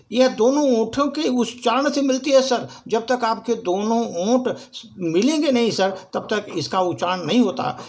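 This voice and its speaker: A man with a notably high voice gives an earnest spoken presentation. He addresses his listeners politely and pauses to sound out each letter slowly and clearly. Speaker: presenter explaining the Hindi alphabet. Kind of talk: spoken classroom-style presentation.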